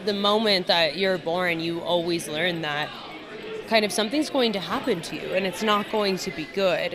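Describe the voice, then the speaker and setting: A woman being interviewed casually on a red carpet, speaking in a candid, rambling, emphatic way. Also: on the low side. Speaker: festival guest being interviewed.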